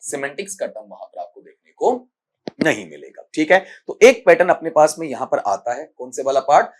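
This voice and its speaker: A man speaking fairly quickly, in a slightly high voice with big pitch swings, gives an exam-prep English grammar lecture in a Rajasthani accent. His explanations go step by step, and he quizzes the students, calling them "beta".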